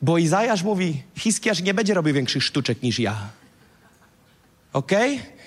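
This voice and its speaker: Animated man preaching in an echoey hall. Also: sits high. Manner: animated, slangy storytelling, acting out Bible dialogue. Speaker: pastor. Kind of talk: lively sermon.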